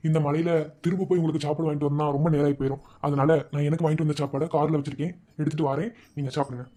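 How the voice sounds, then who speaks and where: Man as kind young cartoon villager, Madurai speech, high and reassuring. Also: rapid-fire, close to an everyday voice. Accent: Madurai Tamil. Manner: reassuring, steady. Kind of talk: cartoon voice acting.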